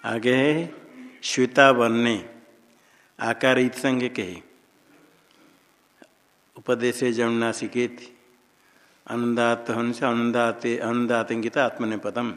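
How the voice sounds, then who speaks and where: Male grammar teacher quizzing a class, slow and deliberate, in a reverberant hall. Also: medium pitch, completely flat delivery, a bit bright, soft background music. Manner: quizzing students, prompting answers. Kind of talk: classroom drill lesson.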